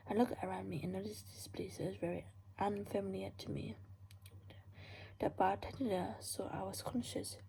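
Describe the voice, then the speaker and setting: A woman reading her own story aloud in a hushed, breathy half-whisper, often stumbling and restarting lines. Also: mid-range voice, a little hiss or hum, low-quality recording.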